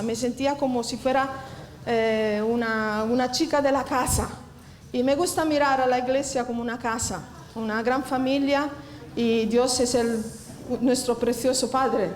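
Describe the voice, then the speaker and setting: Woman, Italian accent, 50s, church talk, high voice, reverberant hall. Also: a little hiss or hum. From southern Italy. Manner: warm, chatty, many hesitations and restarts. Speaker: Bible college director speaking at a church women's meeting. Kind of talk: testimony talk to a church audience. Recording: echoey hall with faint ambience.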